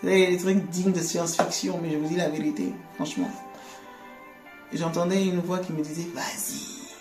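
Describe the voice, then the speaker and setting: A woman giving a conversational faith testimony, animated, laughing often and repeating words. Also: lowish voice, a little fast. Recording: echoey room with faint music.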